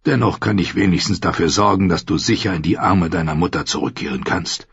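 A man voicing a calm, solemn knightly lord in an audiobook, measured and steady. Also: sits low, vocal fry, husky, dry recording, highs cut off, exaggerated voice.

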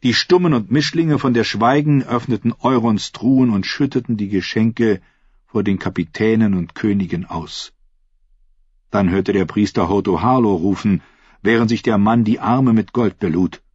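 A man's voice: lowish voice, a little mellow, breathy edge, dry recording, muffled recording. A man narrating a fantasy audiobook in a dramatic, scripted style.

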